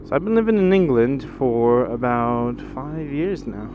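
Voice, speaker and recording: Riding through city streets, a twenty-something man from Brazil talks in a medium-pitched, expressive, slightly slow voice, rambling casually with fillers and frequent restarts. He's a motorcycle vlogger, and the bike-mounted action camera captures muffled sound under heavy engine and road noise.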